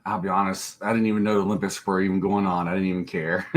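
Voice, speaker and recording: Man, lowish voice, livestream stock co-host; blunt, jokey, quick to laugh. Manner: jokey, laughs easily, blunt and a bit profane. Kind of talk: casual livestream market chat.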